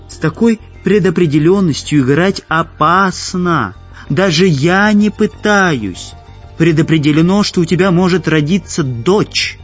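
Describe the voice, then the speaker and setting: A man voicing an old, tired, fatherly head mage who speaks melancholically, with a slightly husky voice. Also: on the high side, pitched above the performer's own voice. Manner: melancholy, gently guilty. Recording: dull lo-fi audiobook with faint music.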